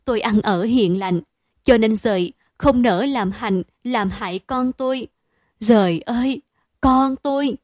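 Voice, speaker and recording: A woman voicing a distraught, doting mother who wails and scolds loudly, in a dry, close reading. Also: on the high side, a little slow, dry recording. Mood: wailing, scolding. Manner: loud, wailing, scolding.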